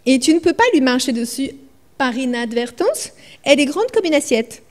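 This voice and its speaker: A man's voice: very high-pitched, very animated, normal speed. A woman reading a patient teasing young man. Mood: patiently teasing. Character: young man calming a panicked friend.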